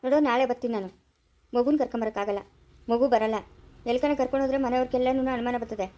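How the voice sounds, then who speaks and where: Woman doing an annoyed young guy on the phone, fast, mellow, kinda high, brushing her off. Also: fairly even intonation, natural voice. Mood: irritated. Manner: annoyed, dismissive. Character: irritated young man on the phone. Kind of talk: cartoon voice acting.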